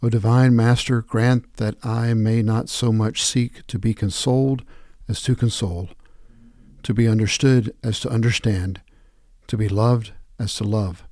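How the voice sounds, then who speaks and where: A man reading scripture passages and prayers aloud in a measured, reverent devotional style. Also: on the low side, mellow, no echo, clean studio sound.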